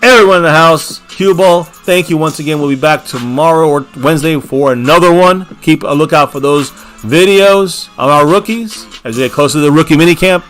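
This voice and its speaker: A man speaks briskly in a slightly high, somewhat bright voice, with faint music in the background. It's the sign-off of a casual fan stream from his small home bar, full of name-by-name shout-outs, hyped repeats of his catchphrases, and viewers being called "baby."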